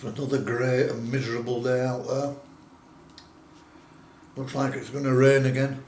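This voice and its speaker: A man records a casual food review in a roomy, echoing space with faint noise behind him. His pitch sits in the middle, and he talks in unhurried, plain-spoken phrases, as a small-time vlogger would. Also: level tone, darkish tone.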